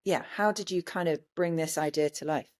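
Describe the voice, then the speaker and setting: A woman's voice: deep voice, fairly quick, a little mellow. A woman hosting an interview podcast, asking casual questions with frequent hesitations and restarts.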